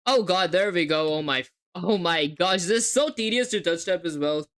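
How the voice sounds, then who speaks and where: A young livestreaming coder talks with viewers as she works, thinking aloud and spelling words out letter by letter. Her voice is on the low side and a bit bright at a moderate pace, and her hybrid accent is hard to place.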